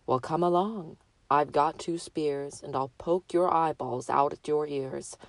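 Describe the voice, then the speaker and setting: A woman voicing a big heavy fearless billy goat with an ugly hoarse voice, in a storybook reading. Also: low-pitched, no room sound. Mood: defiant. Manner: slow, defiant.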